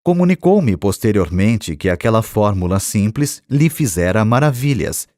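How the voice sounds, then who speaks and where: A low-voiced man with a Brazilian accent reads scripted audiobook narration, his intonation moving in a lively way while the delivery stays measured and expressive. The sound is close and dry, with no room sound.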